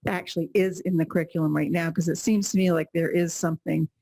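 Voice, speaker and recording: A woman's voice: fairly low pitch, steady tone, fast, vocal fry, mellow. A board member, likely a woman, speaking cautiously about spending. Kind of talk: meeting discussion.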